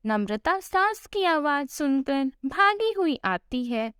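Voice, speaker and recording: High-voiced, slow female storyteller. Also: lively intonation, a bit bright, no room sound, studio quality. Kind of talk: scripted story narration.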